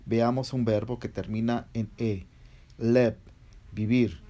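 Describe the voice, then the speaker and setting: A man's voice: medium pitch, fairly even intonation, takes it slowly, warm tone. A man teaching English verb rules in a patient, step-by-step lesson, spelling out letters one by one. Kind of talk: slow step-by-step grammar explanation.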